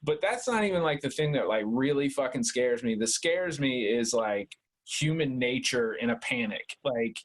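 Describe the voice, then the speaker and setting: At normal speed and with an animated mid-range voice, a thirty-something man co-hosts a podcast. He rambles casually, dropping "like" and "dude" into every sentence and swearing a lot.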